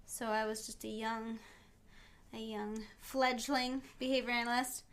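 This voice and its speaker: A woman's voice: fairly high pitch, level tone, a little slow, a bit bright. A woman co-hosting a podcast, a behavior analyst chatting casually and joking at her own expense. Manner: joking, self-deprecating. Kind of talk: casual chat.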